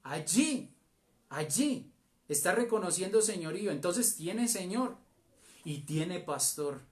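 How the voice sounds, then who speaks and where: Slow, deliberate Colombian elder preaching. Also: male voice, high-pitched, lively intonation. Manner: slow, deliberate preaching with long pauses and emphatic phrases. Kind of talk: sermon. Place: church.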